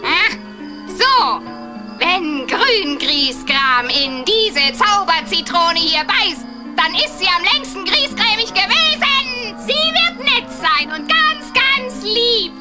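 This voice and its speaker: A woman's voice: very high-pitched, heavily acted. A woman voicing a vain, jealous monster queen in a haughty, theatrical manner. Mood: gloating. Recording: music behind the voice.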